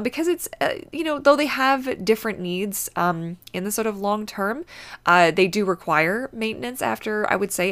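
Woman, young adult, podcast host, congested, sniffly, bubbly, rambling, gravelly. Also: lowish voice. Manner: bubbly, chatty, rambling with fillers. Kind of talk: casual podcast chat.

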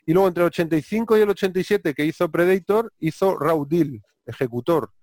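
A man from hosting a casual podcast chat about movies, excitable and full of slang. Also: on the high side, a little fast, no echo, studio quality. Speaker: podcast host.

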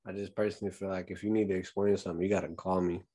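A man's voice: deep voice, level tone, racing, dark tone. A man chatting casually as a podcast co-host, blunt and emphatic, repeating phrases for effect. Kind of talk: casual chat.

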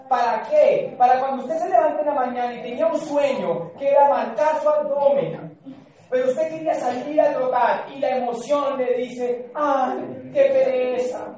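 Male speaker, high voice, emphatic, lots of questions to the room; far from mic, big echo. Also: a little mellow. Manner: emphatic, questions the audience often. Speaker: motivational speaker. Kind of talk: live motivational talk to a group. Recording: echoey hall, off-mic.

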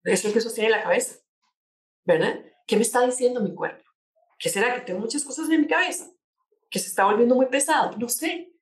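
A woman's voice: fairly high pitch, expressive, brisk. A woman speaking as a coach on changing attitudes, explaining her points with rhetorical questions and everyday examples. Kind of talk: conversational talk show guest. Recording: echoey room.

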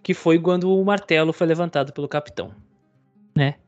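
A young man with a Brazilian Portuguese accent speaks in a dry, measured, analytical way. Faint music plays quietly behind him. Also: fairly high pitch, fairly even intonation, highs cut off. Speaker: podcast co-host. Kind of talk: casual chat.

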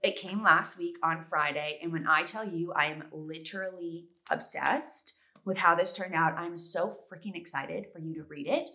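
This solo podcast host is a young woman with a lowish, bright, forceful voice at a moderate pace. Stuffed up from allergies, she still chats cheerfully, peppering her talk with fillers.

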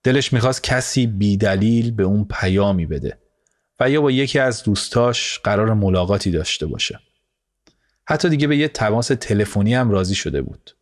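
A man reading a story aloud in calm, measured scripted narration. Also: fairly low pitch. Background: soft music score.

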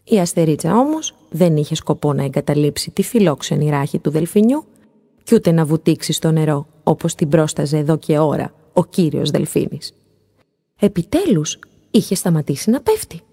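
A woman reading a children's story aloud in a gentle, expressive storytelling voice. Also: sits low, slightly rough. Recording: long hall reverb.

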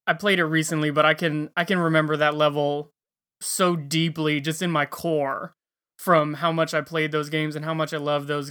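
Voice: medium pitch, fairly bright tone, smooth. A podcast co-host chatting casually and fondly about games, with a dash of sarcasm. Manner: enthusiastic, fond, a bit sarcastic. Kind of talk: casual gaming podcast chat.

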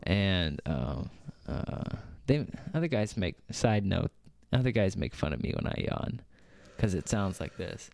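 A young man chats on a podcast, winding through a story with plenty of ums and restarts. His voice sits low but swings up and down a lot. The sound is dry and close. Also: sing-song, unhurried, gravelly, hardly any pauses, darkish tone, dry recording. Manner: rambling storyteller with many fillers and restarts; laughs often. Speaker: podcast co-host. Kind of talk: casual podcast chat.

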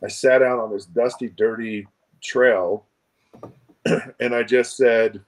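Halting, reflective man on a call. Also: medium pitch, fairly even intonation. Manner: halting, repeats words, reflective. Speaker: guest. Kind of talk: casual storytelling interview. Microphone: remote video call.

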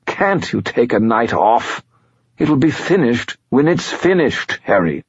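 A man's voice: mid-range voice, big pitch swings, slow, slightly rough, no room sound, muffled recording, voice pushed up, heavily acted. A man voicing a grumpy, whiny male air spirit living in a skull, complaining as he talks.

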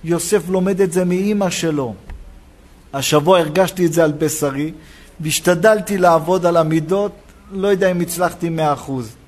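A rabbi preaching a sermon in a synagogue, telling a personal story and acting out the dialogue. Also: male voice, on the high side. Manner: animated storytelling, acts out dialogue.

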